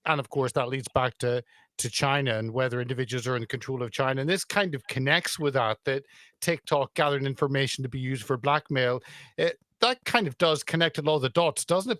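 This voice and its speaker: A man's voice: fairly high pitch, no room sound. Dry-sounding male podcast host. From United Kingdom. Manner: relaxed, brief agreeing replies, wry asides. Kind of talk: interview chat.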